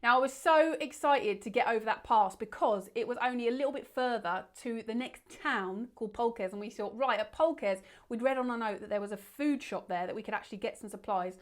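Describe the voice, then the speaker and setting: A woman telling a bedtime adventure story in a lively way, acting out the quoted lines with big shouts. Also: fairly high pitch, fairly quick, hardly any pauses.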